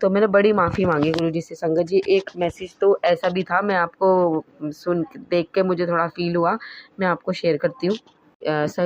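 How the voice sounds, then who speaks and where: A woman's voice: lowish voice, dull audio. A woman sharing a devotional testimony in an earnest, emotional way, rambling and restarting, recorded as a phone voice note.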